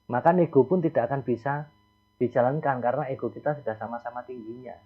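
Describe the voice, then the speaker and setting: A man, a psychologist guest calmly explaining ideas on a call-in radio show, repeating his key points. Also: mid-range voice, quick pace, breathy edge. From East Java. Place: outdoors near a beach. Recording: tinny phone line.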